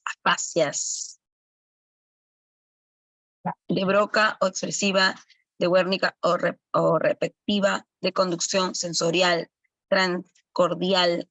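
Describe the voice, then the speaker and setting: A woman's voice: lowish voice, no room sound. Woman lecturing with a dry close sound. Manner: explanatory, with frequent self-corrections. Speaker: instructor for early-education assistants. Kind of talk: online lecture.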